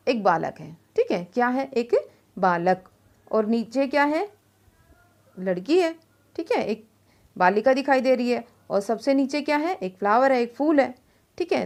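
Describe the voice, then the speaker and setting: A young woman teaching a lesson in a fairly high voice. She walks through each point slowly, asks questions and answers them herself, and keeps checking in with a quick "okay?". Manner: explains step by step, asking and answering her own questions; says "ठीक है" often to check understanding. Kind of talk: online class lesson.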